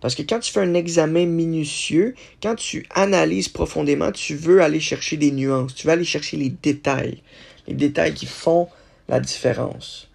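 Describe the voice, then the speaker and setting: A man hosting a solo podcast, thinking aloud in a halting way with many restarts. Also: a little high, gravelly, a little mellow, breathy edge. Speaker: podcast host.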